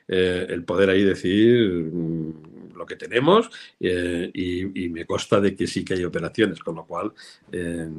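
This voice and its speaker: Older man, low-voiced, animated anecdote teller in a live interview. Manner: animated storyteller, acts out quoted voices. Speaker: real estate professional, guest. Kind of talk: casual live interview chat.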